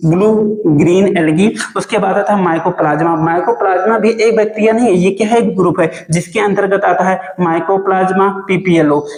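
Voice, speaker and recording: A man's voice: sits high, darkish tone, reverberant, poor audio. A male teacher giving a lesson, asking a question and repeating the answer several times over. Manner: asks a question, then repeats the answer again and again. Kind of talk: biology lesson in Hindi.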